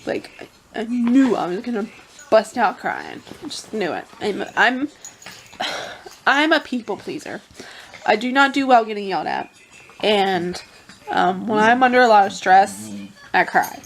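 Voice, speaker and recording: This young woman vlogger sounds creaky and a little slow, her medium-pitched voice swinging widely and pausing often, with slight background noise. Close to tears, she rambles emotionally through a stressful workday in a casual confessional style, restarting often.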